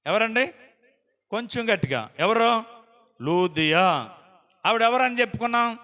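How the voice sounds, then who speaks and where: A man preaches in a high, bright, crisp voice, firing question after question at his congregation and calling out loud praise. His voice carries a long reverb that rolls around a church hall. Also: lively intonation, measured pace. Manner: call-and-response, quizzing the congregation with repeated questions; exclaims praise loudly. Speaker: pastor. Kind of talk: sermon. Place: prayer house hall.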